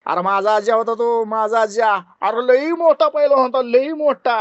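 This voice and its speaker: A brash, boastful village schoolboy who shouts his bragging in rustic speech, played by a man. The pitch sits high, and the recording is dry and slightly muffled. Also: steady tone, normal speed, no room sound. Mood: brash boasting.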